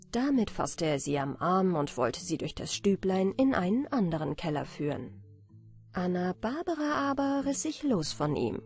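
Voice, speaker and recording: A woman reads a fairy tale at bedtime in a calm, expressive way. Her pitch moves a lot, and her voice has a slightly husky, breathy edge. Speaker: audiobook reader.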